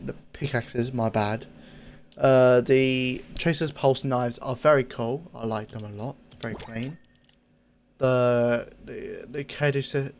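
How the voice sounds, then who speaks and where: An easygoing man talks through a casual game cosmetics review at a middle pitch. He repeats his phrases and stops to fix his own slips. A faint hiss sits under the voice. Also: creaky. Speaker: gaming channel host.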